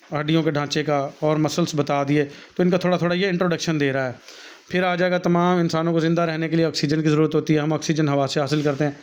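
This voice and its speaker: A man's voice: fairly high pitch, clean tone. Man explaining a textbook lesson. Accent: Pakistani Urdu. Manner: reads a passage, then explains it warmly to students, calling them "beta". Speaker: teacher. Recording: dull, lo-fi recording.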